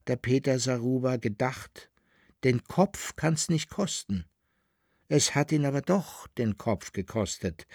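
A man voicing an opinionated student tutor in an audiobook, lecturing in a lively, indignant way. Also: mid-range voice, dry recording, clean studio sound. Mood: telling.

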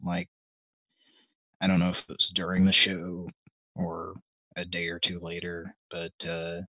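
The host of a live call-in stream, a middle-aged man, chats in a rambling, hesitant way full of ums and restarts, dropping in wry self-deprecating remarks. His low voice has a sharp tone and a completely flat delivery, a little slow. The audio is dry with the highs cut off.

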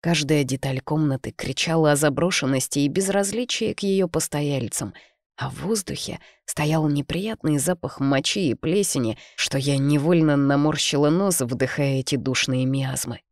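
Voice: medium pitch, no room sound. Dry, close audiobook narrator. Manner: measured, even storytelling. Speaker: audiobook reader. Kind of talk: scripted narration.

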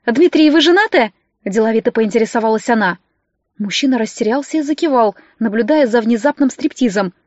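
A woman narrating a first-person audiobook in a wry, lively storytelling manner. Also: a little high, brisk, no room sound, highs cut off.

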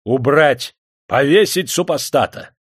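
Brief: man reading a harsh army major, loud and commanding, dry close sound. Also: deep voice, steady tone, normal speed, no room sound, close to an everyday voice. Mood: furious. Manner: stern, shouting orders. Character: stern angry army major.

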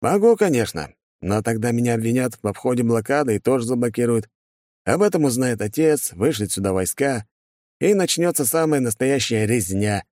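A man voicing an easygoing young nobleman who talks calmly and offhandedly on the phone. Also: medium pitch, moderate pace, dry recording, clean studio sound, pitched above the performer's own voice, lightly acted. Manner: calm, offhand, casual. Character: easygoing young nobleman friend, calm, laconic.

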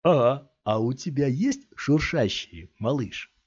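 A man's voice: medium pitch, very animated, slow pace, a little mellow, slightly rough, voice pushed up, full character voice. A man voicing a young male street thug in a cap, a mocking and menacing bully. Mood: taunting. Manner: mocking, snarling, barked threats. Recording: dull lo-fi audiobook recording.

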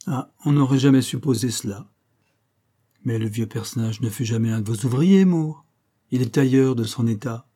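Un homme qui prête sa voix à un vieux recteur nasillard, vif et bourru, dans un livre audio. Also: male voice, mid-range voice, normal speed, dark tone, lightly acted. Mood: brusque. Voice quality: nasal. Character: older male rector, brisk and gruff.

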